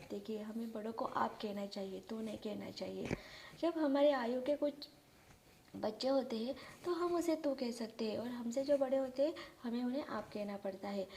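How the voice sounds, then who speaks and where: Woman teacher retelling a story, higher voice. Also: warm tone, slight background noise. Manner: retells the story and stops to explain words. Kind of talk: explaining a story lesson to pupils.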